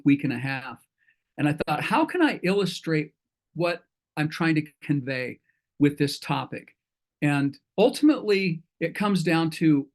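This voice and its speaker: A middle-aged man hosting an online entrepreneur meetup in a folksy, rambling way, often correcting himself. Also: fairly high pitch. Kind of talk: casual talk to an online group.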